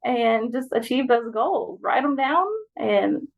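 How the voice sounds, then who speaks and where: A woman's voice: on the high side, takes it slowly, vocal fry, narrow, tinny audio. A woman from Alabama, a podcast guest speaking earnestly and encouragingly about her own experience. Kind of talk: reflective personal talk.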